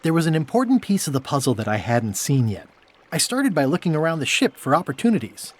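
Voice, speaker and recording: A man's voice: a little high, fast, a little hiss or hum. A man voicing an eager, wry, good-natured pirate adventurer in a video game. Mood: wry storytelling. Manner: animated, wry.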